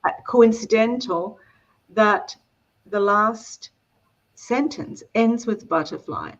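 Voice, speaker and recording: A Scottish woman, an author, talking in a chatty, animated way on a video call interview. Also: mid-range voice, slow, lo-fi sound.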